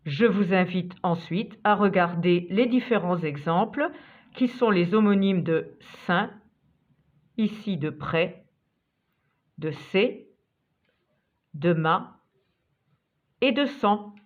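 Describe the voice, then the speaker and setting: A woman narrating a scripted vocabulary lesson as a teacher, reading out examples one by one in a measured way. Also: lowish voice. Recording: tinny phone-like sound.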